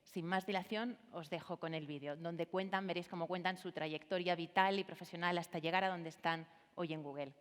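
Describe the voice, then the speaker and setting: Woman, conference presenter, brisk, fast, lower voice, echoing hall. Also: steady tone. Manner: brisk, introducing the next video. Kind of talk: event introduction.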